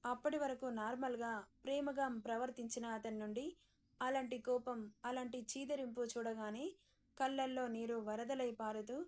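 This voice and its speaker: A woman storyteller giving steady narration of a serialized story. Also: a little high, normal speed.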